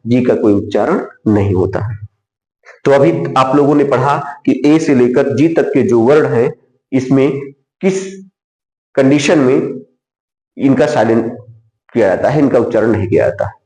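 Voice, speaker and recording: A man's voice: medium pitch, warm tone. A man teaching a classroom lesson. He asks questions and then answers them himself. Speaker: English teacher. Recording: echoey room.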